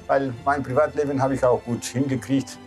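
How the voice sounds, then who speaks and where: A Greek man in his sixties, captain of a cruise ship, speaks in a medium-pitched, slightly mellow voice with a flat, brisk delivery. Background music plays as he reminisces casually, his non-native, Greek-accented grammar loose and sprinkled with short questioning tags.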